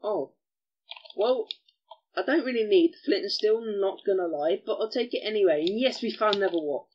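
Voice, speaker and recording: A man giving chatty gameplay commentary as host of a gaming channel, excitable and given to mild cursing. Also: sits high, normal speed, lo-fi sound.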